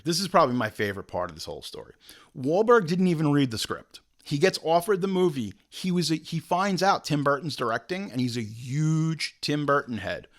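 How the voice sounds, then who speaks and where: A man hosting a film show, recounting movie backstories in a loose, conversational way. His voice sits in a middle register and swings widely in pitch as he tells the story. He breaks into playful asides and jokes along the way. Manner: animated storyteller, jokey asides. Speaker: show host. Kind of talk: casual film history commentary.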